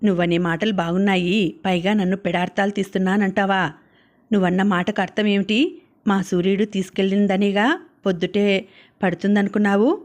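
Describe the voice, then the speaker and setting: A scornful village mother with a sharp tongue, as a woman reads her out. She accuses and scolds in a level, even voice. Her pitch stays in a middling range, like an audiobook storyteller. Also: fairly quick, natural voice. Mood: accusing.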